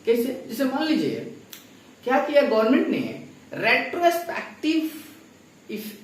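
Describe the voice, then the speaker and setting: A man's voice: very high-pitched, very animated, measured pace. A man teaching a class, explaining step by step and putting questions to his students. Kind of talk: classroom lecture. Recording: echoey room from far off.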